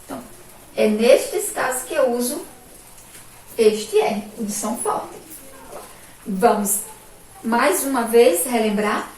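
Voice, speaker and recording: A woman's voice: fairly high pitch, animated, a little mellow. A female teacher with a Sergipe Brazilian accent, giving a remote lesson to children and drawing out each syllable emphatically. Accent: Brazilian Portuguese, Sergipe. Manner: slow, drawn-out, emphatic syllables with frequent "ó" and "olha aqui". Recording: echoey room from far off, faint background noise.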